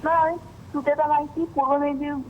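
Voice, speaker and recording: A female student caller from West Bengal, asking a grammar question slowly and repeating herself. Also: sits high, little pitch movement, slight background noise. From West Bengal, India. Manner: slow, hesitant, repeats her question. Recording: muffled phone line.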